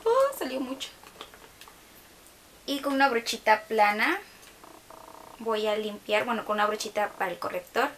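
A woman's voice: mid-range voice, normal speed, fairly bright tone, slight background noise. A young woman gives a casual makeup tutorial from her bedroom, chatting along with hesitant fillers.

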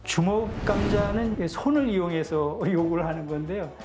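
Explainer, medium pitch, instructional delivery, clear music behind. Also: moderate pace. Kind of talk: explanation of a gesture.

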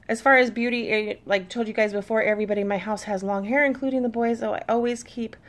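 A woman in her thirties chats easily to camera about things she bought, reading labels aloud as she goes. Her voice sits a little high, with a gravelly fry running through it. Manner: chatty, reads labels aloud, easygoing. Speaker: vlogger mom showing a shopping haul. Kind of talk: casual chat to camera.

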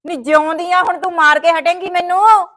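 A worried, theatrical sister-in-law with a high voice and a Punjabi accent, given to wailing and nagging advice. The acting is plain and homely, in the way of a village short film, with a woman playing her. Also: fairly even intonation, a little fast, fairly bright tone. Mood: fretful. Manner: dramatic wailing, scolding. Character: fretful sister-in-law caring for her brother's wife.

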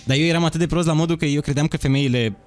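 Low-key self-mocking man. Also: faint music behind. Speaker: comedian guest. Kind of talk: casual studio chat. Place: radio studio.

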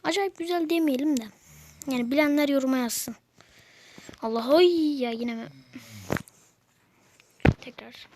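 High-pitched woman narrating her own gameplay, constantly griping at the controls. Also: unhurried, long pauses, a little mellow. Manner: exasperated, complaining at the game. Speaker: gameplay video maker. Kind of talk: casual gameplay commentary.

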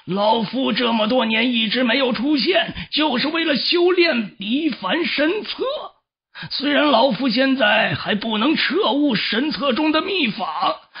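A man's voice: very high voice, husky, pitched above the performer's own voice, heavily acted. A man voicing an arrogant old male villain, a city lord who talks in a haughty, mocking way, in a dull lo-fi audiobook recording.

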